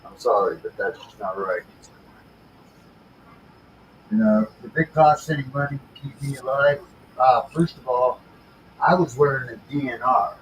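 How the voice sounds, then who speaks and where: A man speaks casually on a home livestream, blunt and frustrated, with swearing running through his talk. His voice sits at an ordinary middle pitch. A faint noise runs underneath. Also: a little slow, pauses often, rough recording. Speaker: livestream host.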